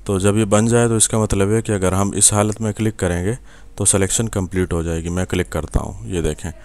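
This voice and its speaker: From his desk, a young Urdu-accented software instructor from Pakistan walks viewers through a program in a screen-recorded tutorial. He has a very low, smooth and resonant voice, takes things patiently step by step, and pauses on fillers while checking in with his audience.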